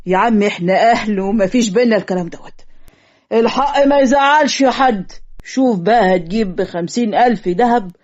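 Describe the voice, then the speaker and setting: A woman's voice: a little high, brisk, a little mellow, lightly acted. Woman voicing a haughty old bride's father. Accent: Egyptian. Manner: haughty, bargaining. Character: proud older father of the bride, demanding. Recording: lo-fi muffled audio.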